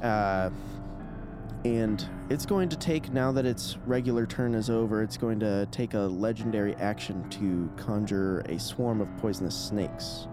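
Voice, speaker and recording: A man with a fairly low voice works as game master for a tabletop role-playing game. He narrates slowly and deliberately, with clear music playing behind him.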